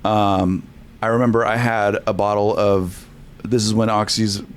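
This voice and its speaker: A man's voice: lowish voice, level tone, unhurried, smooth. A young man, a podcast guest from California, telling his story candidly with many restarts and fillers.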